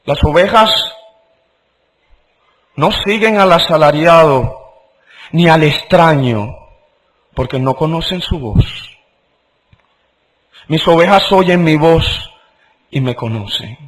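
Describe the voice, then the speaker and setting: Slow, high-voiced emphatic male preacher. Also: animated, low-quality recording. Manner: emphatic, swings from loud exclamation to hushed low tones; slow, deliberate delivery with repeated phrases. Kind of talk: sermon.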